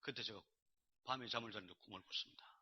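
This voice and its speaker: A man's voice: fairly low pitch, fast, husky. A male pastor giving a sermon, telling a story and acting out the dialogue himself. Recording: dull lo-fi sermon recording.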